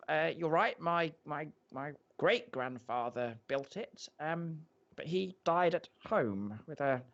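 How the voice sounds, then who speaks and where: A man's voice: fairly high pitch, gravelly, a bit bright, pitched above the performer's own voice, exaggerated voice. A man voicing a skinny, timid male house owner who stammers and hesitates, on dull lo-fi podcast audio.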